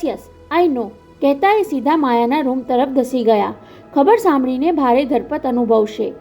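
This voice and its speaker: A woman narrating an audiobook with a dramatic, steady reading. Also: sits high.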